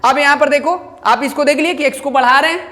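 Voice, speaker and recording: A man's voice: extremely high pitch, fast talker, sharp tone. A man teaching a maths class, asking his students questions and checking again and again whether they follow. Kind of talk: classroom lecture. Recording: long reverb in a classroom.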